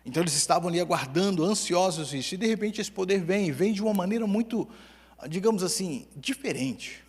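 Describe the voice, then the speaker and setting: A middle-aged man with a Brazilian accent preaching a sermon as pastor, telling stories with humor and swinging between loud and hushed delivery. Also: sits high, animated, a little fast, breathy edge, big-room sound. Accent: Brazilian Portuguese. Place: church hall.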